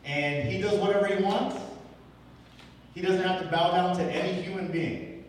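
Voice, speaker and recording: A man's voice: sits high, normal speed. Young man, pastor, casual Bible teaching with a light faint room hum, reverberant hall. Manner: relaxed, asks the room rhetorical questions, chuckles often. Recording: echoey hall from far off.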